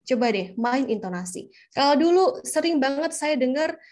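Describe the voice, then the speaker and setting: Lively high-voiced woman teaching public speaking. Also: moderate pace. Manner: lively, swings pitch up and down to demonstrate intonation. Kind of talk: live workshop lesson with demonstrations. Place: room with a live audience.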